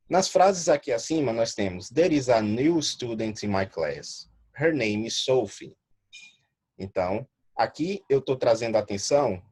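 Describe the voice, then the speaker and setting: A man with a slightly husky voice gives a recorded grammar lesson. He speaks at a middling pitch. He reads each English example slowly and then explains it patiently in his native Portuguese. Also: darkish tone. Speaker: English teacher.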